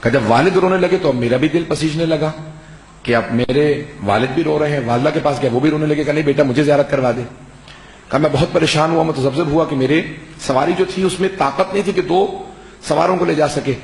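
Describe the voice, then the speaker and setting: A male religious scholar delivering a sermon, telling the story with passion and rising to shouts. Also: on the high side, vocal fry. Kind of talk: Shia majlis sermon. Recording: roomy hall sound, faint background hiss.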